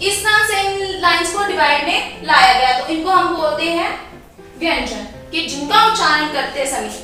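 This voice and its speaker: A woman's voice: very high-pitched, animated, moderate pace, pushed and bright, soft background music. A woman teacher, giving a patient classroom lesson and checking in often. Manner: patient, repeats and checks with "theek hai". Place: school classroom. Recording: echoey room from a distance.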